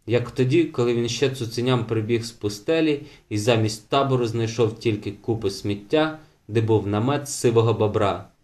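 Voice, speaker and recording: Measured male audiobook narrator. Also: medium pitch, a little mellow. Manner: measured, slows for chapter titles. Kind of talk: scripted narration of a novel.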